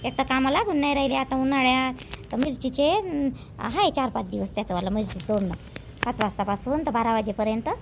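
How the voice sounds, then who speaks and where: A middle-aged woman, gossiping and calling out loudly in a village comedy sketch. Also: high-pitched, brisk. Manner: calls out loudly, chatty gossiping. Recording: faint background noise.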